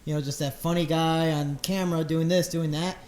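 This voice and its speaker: A man's voice: a little high, steady tone, a little fast, darkish tone, echoey room. A young man co-hosting a podcast, laid-back and self-deprecating in casual chat. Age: young adult. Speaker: podcast co-host, fighter.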